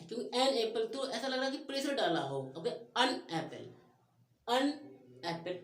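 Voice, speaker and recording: Woman teacher w/ hindi accent, explaining grammar, stretches out the english bits, kinda echoey room. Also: mid-range voice. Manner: slow and drawn out on English example sentences. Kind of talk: grammar lesson.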